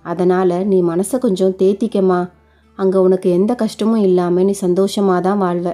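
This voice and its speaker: A woman's voice: mid-range voice, fairly even intonation, moderate pace, warm tone, faint music behind, close to an everyday voice. A woman doing a soothing older relative. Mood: consoling. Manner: soothing, apologetic.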